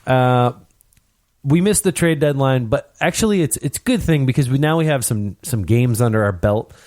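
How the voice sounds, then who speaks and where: A man's voice: mid-range voice, lively intonation, moderate pace, darkish tone, no echo, studio quality. A young man hosting a casual hockey podcast, telling stories with animation and mimicking people. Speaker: podcast host.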